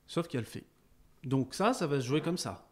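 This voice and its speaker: Animated man teaching rhythm. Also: a little high, brisk. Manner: chants rhythm syllables loudly, then explains calmly. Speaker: music teacher. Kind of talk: rhythm lesson with counting and clapping.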